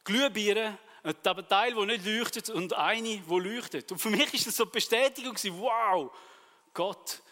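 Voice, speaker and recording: A man with a Swiss German accent preaching a sermon, telling personal stories and acting out the dialogue in a lively way. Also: high voice, normal speed, hardly any pauses, long reverb tail.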